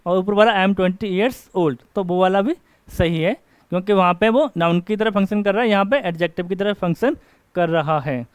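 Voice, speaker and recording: A man teaching an English grammar class, asking questions and answering them himself and reading example sentences slowly. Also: high-pitched, clean tone, no room sound. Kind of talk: classroom lecture. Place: coaching class.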